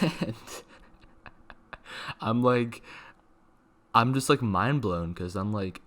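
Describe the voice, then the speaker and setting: Young man, deep voice, casual storytime, rambling, slangy and sweary, filler-heavy. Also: drawn-out words, fairly bright tone. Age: young adult. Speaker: video creator telling a personal story.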